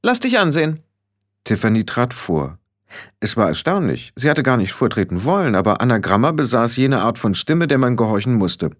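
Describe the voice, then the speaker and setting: A man narrating a story in calm, scripted audiobook reading. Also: medium pitch, a little fast.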